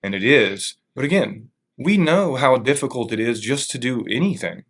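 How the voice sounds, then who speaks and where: A man speaking as an interviewed museum staffer, explaining things thoughtfully and carefully in a halting, hesitant way. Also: medium pitch, animated, a bit bright.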